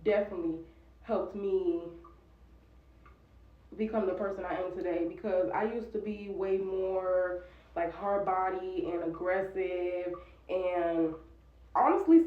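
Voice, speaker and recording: A woman's voice: medium pitch, normal speed. Young woman vlogging about her life, chatty and candid, kinda far from the mic, roomy and a bit dull. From United States. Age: 20s. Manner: candid, chatty, many "like" fillers. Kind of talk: casual storytime chat.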